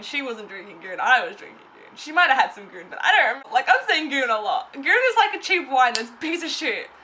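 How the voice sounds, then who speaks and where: A woman's voice: high-pitched, pushed and bright, a little hiss or hum. A young woman telling a rambling story-time vlog, full of fillers and restarts. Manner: rambling, filler-heavy, self-interrupting. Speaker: vlogger.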